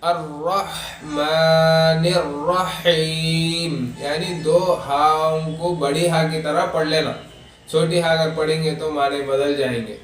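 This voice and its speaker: Male religious teacher, slightly high voice, slow drawn-out recitation, recorded far off the mic with a faint hiss. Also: fairly even intonation. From India. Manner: explains pronunciation, then recites verses slowly and drawn out. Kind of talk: Quran recitation lesson. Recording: echoey room, distant mic.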